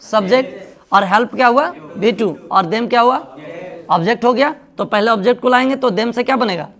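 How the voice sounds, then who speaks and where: A man's voice: very high voice, fairly quick, a bit bright. A man from India with a Bihari Hindi accent, teaching an English grammar lesson in a classroom style, asking the class questions and then answering them himself.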